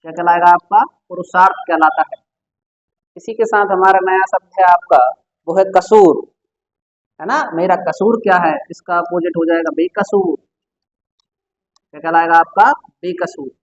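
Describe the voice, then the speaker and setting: A man with a high-sitting voice teaches a Hindi vocabulary lesson for exam prep, speaking at normal speed with fairly even intonation and long pauses. He keeps quizzing the listener with repeated questions, then answers them himself. The recording sounds dull and lo-fi.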